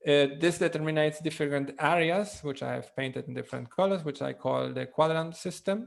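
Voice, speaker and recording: A non-native English speaker, a man with a thick foreign accent, explains in lecture style, haltingly searching for words and adding questioning tags. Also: fairly high pitch, vocal fry. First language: not English. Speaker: presenter, physical therapy educator.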